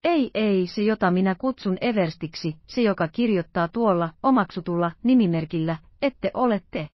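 A woman voicing a nervous, wealthy male millionaire who gives tense, hurried orders in an audiobook. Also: mid-range voice, animated, dry recording, highs cut off, close to an everyday voice. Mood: anxious.

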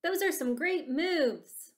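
A woman's voice: high voice, lively intonation, takes it slowly. A woman teacher leading a phonics lesson, talking simply and encouragingly as if to a small child. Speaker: kindergarten teacher.

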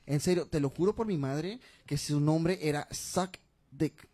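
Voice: medium pitch, measured pace, dark tone. A comedy radio co-host telling jokes, stumbling through restarts before each punchline. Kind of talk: joke telling, casual chat. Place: radio studio.

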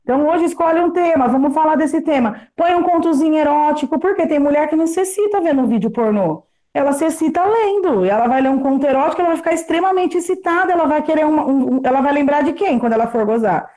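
A woman's voice: high-pitched, expressive, fast talker, hardly any pauses, warm tone. A Brazilian woman with a frank, upbeat manner, giving a casual sales training talk over a video call and laughing often. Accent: Brazilian Portuguese. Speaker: guest speaker, sales consultant.

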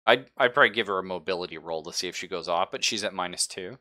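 Over voice chat in an online game session, a man serving as game master casually explains the rules and narrates the action, informal and jokey. His voice is low-pitched, fast, pushed and bright.

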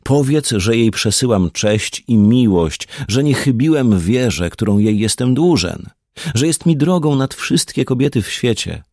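A man's voice: medium pitch, expressive, a little slow, darkish tone, dry recording, studio quality. A man reading the part of an earnest young knight in love, ardent and pleading. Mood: tender. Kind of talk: audiobook character reading.

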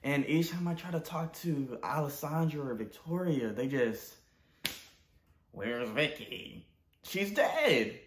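Playing a clumsy, naive male student for his parody channel, this young American-accented man speaks slowly and expressively in a fairly high voice, full of slang and hesitation. The comedy bit was shot in a living room, giving roomy, echoey audio with slight background noise.

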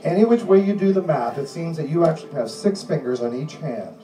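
Echoey male stage hypnotist, higher-pitched voice. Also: animated, dark tone, recorded from a distance. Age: middle-aged. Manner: commanding, repetitive, deliberate phrasing. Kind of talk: live comedy hypnosis patter with suggestions. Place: small indoor comedy club stage. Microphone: handheld microphone through PA, distant camera. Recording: echoey club PA recorded from audience, music.

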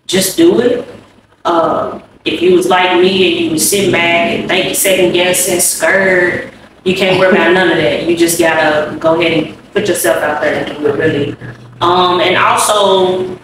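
A woman's voice: on the low side, steady tone, normal speed. A woman rapper from Louisville talking casually in an interview, laid-back and saying "you know" a lot. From Louisville, Kentucky. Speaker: rapper guest. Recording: echoey room from a distance with background noise.

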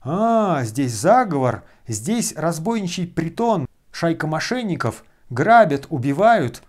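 A man voicing a brash, abusive freeloader who shouts and hurls insults. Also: medium pitch, normal speed, close to an everyday voice. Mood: outraged.

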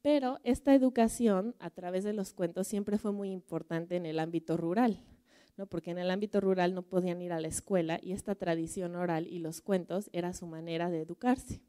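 A woman's voice: fairly low pitch, brisk, mellow, clear, resonant tone. A woman curator with a Mexican Spanish accent giving a museum lecture, telling folk tales in a chatty, conversational way and often checking in with her audience. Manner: conversational, storytelling, frequent tag questions. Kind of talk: public lecture.

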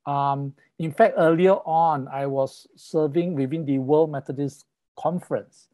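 A man's voice: a little high, steady tone, a little slow, dark tone. A middle-aged man from Singapore, a guest on a video call, talking about his background in a friendly way with frequent fillers, through a wired earphone mic. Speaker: guest, professor of sacred music.

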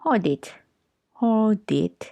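Thai-accented woman, English teacher; unhurried, careful reading of phrases, dry sound. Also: fairly high pitch, lively intonation, dark tone, no room sound, highs cut off. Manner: reads example sentences very slowly and clearly, twice. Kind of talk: slow English lesson with Thai explanations.

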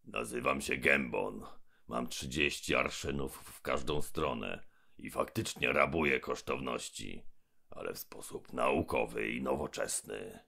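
A colossal robber creature with a diploma speaks in a storybook, as a man puts him on. The voice sits very low and gravelly, dragging out each word with pompous, menacing weight. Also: measured pace, sharp tone, heavily acted. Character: huge pompous robber monster with diploma, male. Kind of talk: audiobook character voice.

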